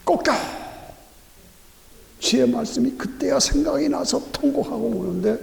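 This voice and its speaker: Gravelly-voiced dramatic Korean pastor preaching. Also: male voice, sits high, animated, moderate pace. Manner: dramatic, swings from hushed whispers to loud exclamations. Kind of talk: sermon. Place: church sanctuary. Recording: echoey church hall.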